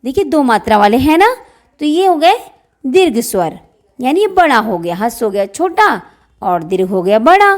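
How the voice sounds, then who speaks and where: Woman teacher going over grammar slowly, kinda high voice that swings up and down, keeps asking then answering herself. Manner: slow and lively, asks questions and answers them herself; drawn-out demonstration vowels. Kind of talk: classroom-style grammar lesson.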